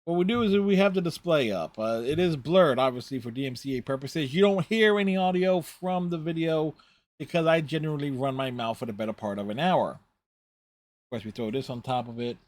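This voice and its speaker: A man's voice: a little high, brisk. A man hosting a reaction video, giving casual, rambling, conversational running commentary on a TV show.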